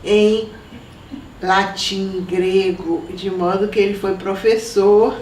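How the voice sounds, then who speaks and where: An older woman from Salvador, recalling her family in an oral history interview at an unhurried pace. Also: medium pitch, steady tone, distant mic. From Salvador, Brazil. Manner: reminiscing, unhurried, with soft laughs. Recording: echoey room, voice from off mic, faint noise.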